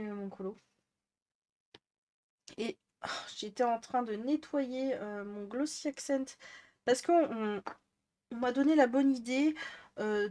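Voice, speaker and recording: Her voice is medium-pitched and a little mellow as she vlogs casually from her bedroom desk. The woman, in her thirties, uses a headset mic and rambles with plenty of fillers and restarts.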